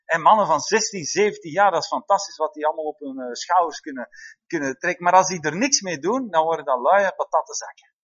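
Male pastor, higher voice, animated sermon style with frequent amens, dull lo-fi recording. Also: fast talker. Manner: lively, calls out "amen" and "hè?" to the congregation. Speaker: preacher. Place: church hall before a congregation. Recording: dull, slightly lo-fi sound.

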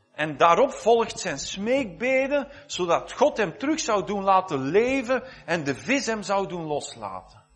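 High-voiced preacher clearing his throat. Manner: conversational, reflective, repeats words, often clears throat. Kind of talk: sermon.

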